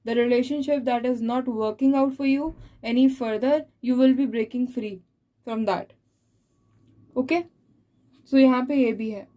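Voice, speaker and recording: Female tarot reader, high mellow voice, calm card-by-card explanation aimed straight at the viewer. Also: rough recording. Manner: explains each card slowly, addressing the listener directly. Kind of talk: monthly tarot reading addressed to viewers.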